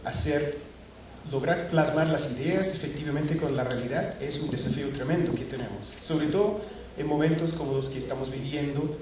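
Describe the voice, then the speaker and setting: This is a middle-aged Scottish man at a conference, working through a technical presentation before a full auditorium at normal speed. He stumbles often, restarting sentences and filling gaps with filler words, and his mid-range voice echoes heavily because the mic is far away in the big hall. A slight hum lingers underneath.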